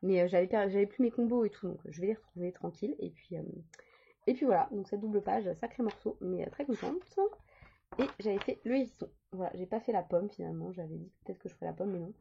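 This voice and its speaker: A woman's voice: mid-range voice, quick pace, vocal fry, mellow, slight background noise. A woman in her thirties chatting casually as a coloring vlogger, rambling with many fillers and restarts. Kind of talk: casual chat. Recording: dull lo-fi sound.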